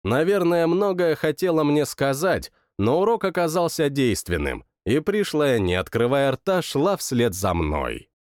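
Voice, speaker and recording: A man's voice: on the high side, a little slow, hardly any pauses, clean tone, no room sound, clean studio sound. A man narrating an audiobook in first person, with growled outbursts. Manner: lively, growling outbursts in quoted lines.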